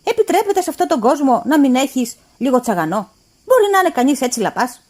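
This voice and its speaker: Woman voicing a mocking male employer, loud and lecturing, higher-pitched and lively. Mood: exasperated. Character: stingy, mocking male employer, middle-aged.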